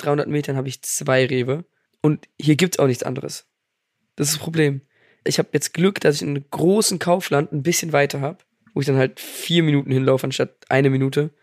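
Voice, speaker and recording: A young man co-hosts a casual podcast chat with a relaxed, agreeable manner. His voice sits a little higher than most men's, and he tells stories with street slang. The recording is dry and close. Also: dry recording. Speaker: podcast co-host.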